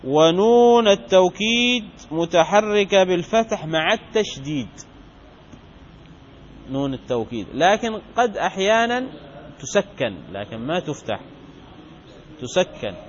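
A man teaching Arabic grammar in a lesson, drilling examples by slowly repeating words and asking questions he then answers himself. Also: sits high, big pitch swings, muffled recording, slight background noise. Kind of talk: classroom lesson explaining grammar.

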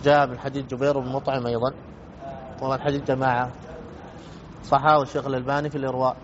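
A man's voice: medium pitch, level tone, very fast. A man teaching a religious lesson on jurisprudence, explaining rulings methodically and repeating key points for emphasis. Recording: dull lo-fi with faint noise.

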